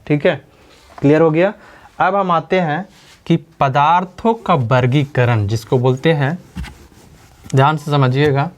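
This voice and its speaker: A man's voice: on the high side, muffled recording. A male teacher giving a science lesson, often asking questions and repeating the key back. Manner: repeats key words and quizzes listeners with questions. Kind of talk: classroom lecture.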